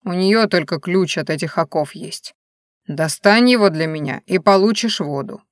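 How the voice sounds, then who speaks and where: A woman voicing a chained male bear forest spirit who speaks in curt, flat threats. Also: fairly low pitch, normal speed, dry recording, clean studio sound, natural voice. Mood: gruff.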